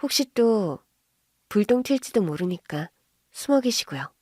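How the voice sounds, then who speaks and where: A woman voicing a composed young sister-in-law who speaks calmly and coldly with quiet mockery. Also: medium pitch, a little slow, husky, dry recording, studio quality. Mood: cool mocking. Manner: calm, cold, quietly mocking.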